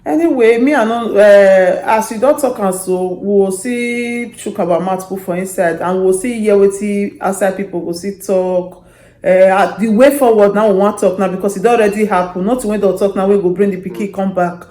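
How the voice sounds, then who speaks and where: A woman with a Nigerian accent speaking Pidgin as a host, giving casual, animated advice to her audience. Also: medium pitch, moderate pace. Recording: echoey, roomy sound.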